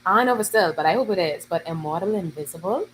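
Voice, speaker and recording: A Bahamian woman with a slightly low voice tells her stories with animated energy, full of local slang. The room ambience carries a faint noise behind her. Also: fast, poor audio. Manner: animated storytelling, lively dialect slang. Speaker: guest musician. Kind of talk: casual interview chat.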